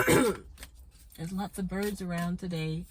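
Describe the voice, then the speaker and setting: A woman hosting a spiritual card reading for her viewers, chatty and congested, clearing her throat and often checking in with "okay?". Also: on the low side, fairly even intonation, takes it slowly, heavy background noise. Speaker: spiritual card reader and channel host.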